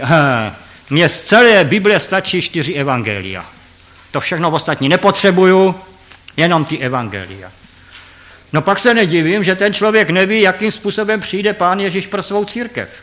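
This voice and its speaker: A man teaching a group from the Bible, emphatic, swinging from loud stress to quiet asides and checking that listeners follow. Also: a little high. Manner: talks directly to listeners, checks they follow. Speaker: preacher.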